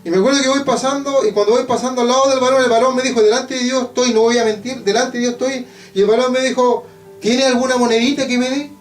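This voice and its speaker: A man from Chile with a Chilean Spanish accent, preaching an evangelical sermon and telling a testimony with emphatic, drawn-out phrases and repeated refrains. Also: very high-pitched, steady tone. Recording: echoey church hall from a distance with faint guitar. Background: faint guitar playing.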